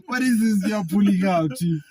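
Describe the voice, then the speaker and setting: A man hosting a podcast from inside a classic car, upbeat and enthusiastic, laughing often and giving shout-outs. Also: sits high, normal speed, a loud crowd. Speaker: podcast host. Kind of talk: casual podcast chat.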